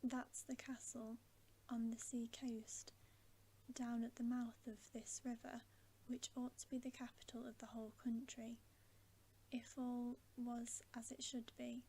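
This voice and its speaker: A woman's voice: fairly high pitch, level tone, measured pace, mellow, breathy edge, poor audio. A woman voicing an earnest, cautious male talking beaver in an emphatic whisper for a storybook. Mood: grave, explaining.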